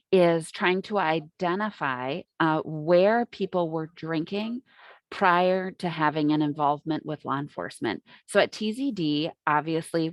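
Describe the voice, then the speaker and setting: An American woman giving an informal, halting webinar presentation, speaking through a face mask. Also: low-pitched, no room sound. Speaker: webinar presenter, hospital injury prevention coordinator. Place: on site at a hospital. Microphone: microphone, worn with a face mask.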